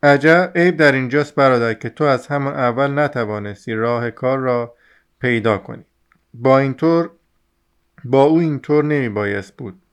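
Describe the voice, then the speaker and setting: A man reading the part of a sharp-tongued woman servant in an audiobook, mocking and scolding in a smooth voice. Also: mid-range voice, close to an everyday voice. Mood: teasing.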